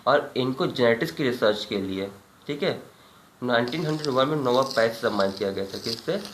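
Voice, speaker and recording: A male biology teacher gives a classroom lecture. He asks a question, answers it himself, and keeps checking in with his listeners. The sound is echoey, with a light hum in the background. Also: medium pitch. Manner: repeats key points as questions, frequent "ठीक है" check-ins.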